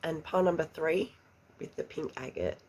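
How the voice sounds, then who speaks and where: A woman with a low, darkish voice and moderate pace gives a pick-a-card tarot reading. Congested after an illness, she chats along and quietly asks spirit questions under her breath.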